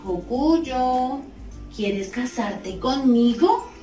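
An old, withered bramble bush , as a woman puts her on, soft and coaxing, drawing out her words slowly. The voice sits in a roomy space away from the mic, with faint music behind. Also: expressive, far from the mic, full character voice. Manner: soft, low, slow and coaxing.

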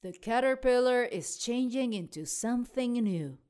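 A woman voicing a calm father cat who explains things plainly in a children's storybook. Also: a little high, normal speed, close to an everyday voice.

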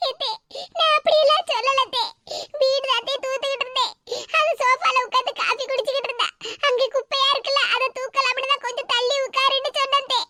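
A woman's voice: very high voice, fairly even intonation, fast talker, sharp tone. Woman voicing a patient, put-upon young housewife. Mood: defensive. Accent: Tirunelveli Tamil. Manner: pleading, mildly scolding. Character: patient hardworking young wife doing housework.

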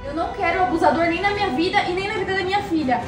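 A woman's voice: extremely high pitch, rapid-fire. A young woman with a Brazilian Portuguese accent playing an emotional young mother in a web drama. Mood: angry. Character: vain young mother who turns tender. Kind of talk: amateur web drama acting. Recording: echoey room with music behind.

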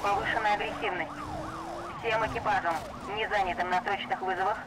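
A man's voice: sits high, steady tone, fairly quick. A man voicing a police dispatcher heard over a police radio transmission, making clipped official announcements to patrol units. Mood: urgent. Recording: noisy game audio with sirens.

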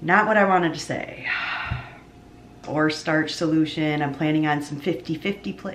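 A woman in her thirties films a casual meal prep vlog in her home kitchen, her low voice moving at normal speed over a slight hiss or hum. She's chatty, often stops mid-sentence to start over, and laughs at her own slips. The sound comes from a camera mic held at arm's length and set on the counter.

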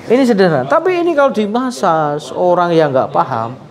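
Man, sports masseur, coaxing, chatty, somewhat high pitch, crowd noise behind. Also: lively intonation, fairly quick. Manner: coaxing, chatty, laughs often. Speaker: sports massage therapist. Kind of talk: casual talk while giving a massage.

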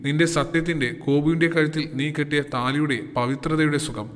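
A man's voice: on the high side, steady tone, fairly quick, a bit bright, long reverb tail, lightly acted. A man voicing a lonely young wife who pours out an earnest, pleading confession of her longing.

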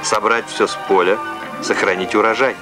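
A man's voice: on the low side, fairly even intonation, normal speed. A man reading scripted narration in the manner of an old Soviet newsreel. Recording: old film soundtrack with loud music. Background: loud music.

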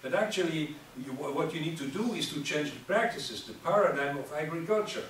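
A man's voice: on the high side, animated, brisk, a bit bright. An older man answering as a panelist in a seminar, emphatic and lecturing, often restarting his words. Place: seminar room with audience. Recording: echoey room, distant mic, faint noise.

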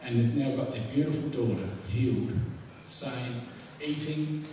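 A man's voice: medium pitch, measured pace, warm tone, a little hiss or hum. A male pastor preaching a sermon, retelling a story vividly to his congregation. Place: church hall. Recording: echoey hall, distant mic.

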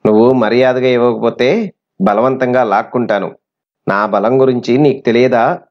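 A man voicing a boastful, threatening schoolboy bully with a rough, demanding manner. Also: mid-range voice, steady tone, moderate pace, close to an everyday voice. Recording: slightly muffled recording.

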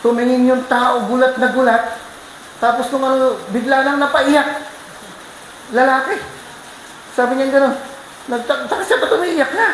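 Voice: sits high, a little slow, long pauses, echoey room, a little hiss or hum, low-quality recording. A pastor preaching a sermon, telling a story with energy and keeping the congregation involved with questions. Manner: lively storytelling, keeps asking the congregation questions. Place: church.

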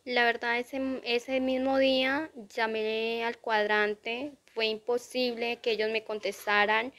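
A woman interviewed outdoors for a local news report, telling indignantly how her home was burgled. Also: a little high. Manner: indignant, repetitive complaint. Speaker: burglary victim. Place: outdoors near a drainage channel.

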